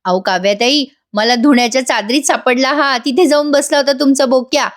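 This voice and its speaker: A chatty, clumsy household maid, rattling through explanations, as a woman reviewer reads her. The voice is a bit raised and bright, quick to explain. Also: high voice, natural voice.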